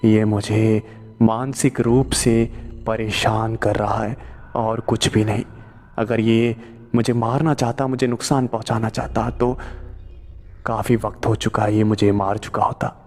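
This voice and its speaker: A man narrating a first-person horror story in slow, tense storytelling. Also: lowish voice, flat delivery, a little mellow, soft background music. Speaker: storyteller narrating as a truck driver.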